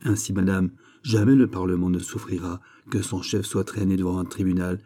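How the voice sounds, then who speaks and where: A man voicing a cold, calculating royal minister in an audiobook, measured and formal. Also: sits low, steady tone, warm tone. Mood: guarded. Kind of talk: audiobook character reading.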